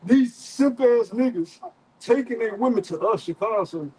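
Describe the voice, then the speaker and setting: A man's voice: very high voice, lively intonation, measured pace, a little mellow, slightly rough, rough recording. A man in casual, profane banter as a street preacher outdoors, using slang and repeating his phrases. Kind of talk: animated casual group banter.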